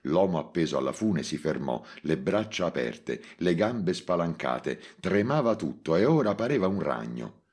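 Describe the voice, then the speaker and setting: A man reading a short story aloud in a measured, dramatic way. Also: deep voice, big pitch swings, a little mellow, slightly rough. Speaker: audiobook reader. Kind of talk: scripted narration.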